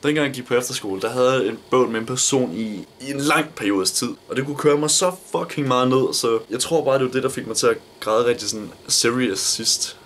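A man's voice: mid-range voice, few pauses, fairly bright tone, slight background noise. A nineteen-year-old man from Denmark answering viewer questions in a casual vlog, blunt, joking and swearing a lot. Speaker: YouTuber.

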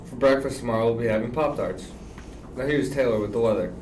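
A man's voice: medium pitch, quick pace, darkish tone. Teenage boy announcer in an echoey room. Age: teenager, high school student. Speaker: student news anchor. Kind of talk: scripted school announcements. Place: indoor school studio at a desk. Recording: echoey room, distant mic, faint noise.

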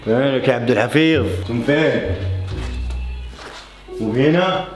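A man hosting a casual challenge vlog in a playful, animated way. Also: mid-range voice, a little slow. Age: 20s. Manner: playful, animated, addressing the camera and children. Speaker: YouTube host. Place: large house indoors and its doorway outside. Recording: echoey rooms, music behind.

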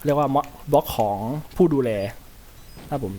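A man's voice: fairly high pitch, steady tone, moderate pace, dark tone, slight background noise. Jumpy Thai man narrating a horror game. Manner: jumpy, talks to himself, yelps when startled. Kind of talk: gameplay commentary.

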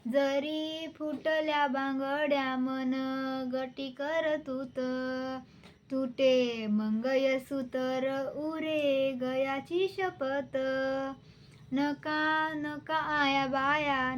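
Teen girl, high voice, very slow sing-song poetry recital. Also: a little hiss or hum. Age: teens. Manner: drawn-out, chanting delivery of verses. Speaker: student reciting poems.

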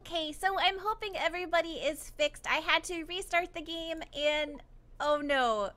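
A woman giving casual let's-play commentary on a video game, excitable and exclamatory, laughing often. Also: very high voice, normal speed. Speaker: gaming YouTuber.

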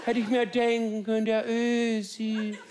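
A man's voice: sits high, completely flat delivery, measured pace, darkish tone, slight background noise, pitched above the performer's own voice. A man voicing an officious, condescending German man who lectures and mocks an Austrian.

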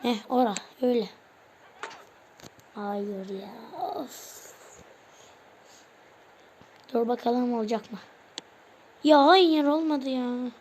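A woman with a high voice narrates her own football video game match. She speaks slowly and loosely, shouting player names in short bursts. She grumbles at missed chances. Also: steady tone, slight background noise. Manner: calls out player names in quick bursts, exclaims at plays. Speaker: gaming channel host. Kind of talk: casual live gameplay commentary.

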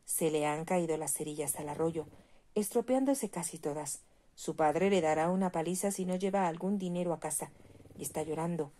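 A sorrowful, gentle statue prince, read by a woman. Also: sits low, normal speed. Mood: pleading.

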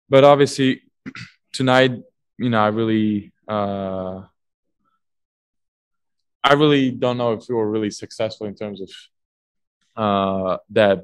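A young basketball player speaks low at his postgame press conference, stumbling with many fillers and restarts. Recorded indoors in the team media room on a table mic on a stand, the sound is dry, close, and clean in tone.

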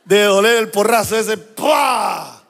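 Casting: middle-aged male pastor, high voice, lively shouted preaching in a reverberant church hall. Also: slow, vocal fry. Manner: lively preaching with shouted emphasis and sound effects. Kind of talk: sermon.

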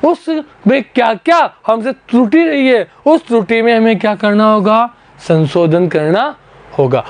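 A man with a very high-pitched, creaky voice teaches accounting to school students, explaining each term step by step and repeating key words. It's a classroom lecture recorded for an education channel.

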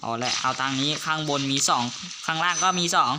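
A man giving casual gaming commentary, excitable and teasing, with loud outbursts and swearing. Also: mid-range voice, fast. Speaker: gamer and video host. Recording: noisy home recording.

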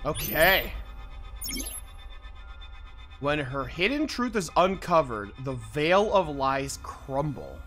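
A streamer reads a video game's text aloud, muttering to themselves and tossing out playful exclamations in casual, animated commentary over the game's music. The voice is medium in pitch, taken slowly, with frequent pauses.

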